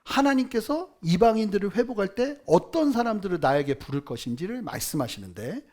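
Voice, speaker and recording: Lively high-pitched Korean pastor preaching. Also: male voice, fairly quick. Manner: emphatic preaching, voice swinging from low murmurs to loud outbursts; leads the congregation in unison Bible reading. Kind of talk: sermon.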